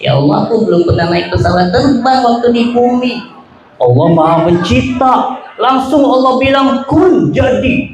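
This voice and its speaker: Playful, high-voiced children's storyteller, echoey hall. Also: male voice, lively intonation, moderate pace. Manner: playful call-and-response with a child audience, sudden shouts and silly voices. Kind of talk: lively storytelling for children at an event. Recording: very echoey hall with background noise.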